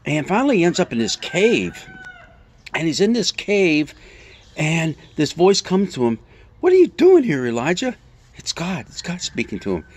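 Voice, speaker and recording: A man speaking as a pastor in an informal Bible talk, telling the story in a lively, conversational way full of asides. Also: on the high side, moderate pace, slightly rough.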